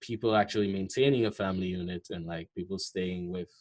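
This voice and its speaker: A host leading a casual interview, relaxed and full of fillers, inviting viewers to comment. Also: low-pitched, fast. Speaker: podcast host.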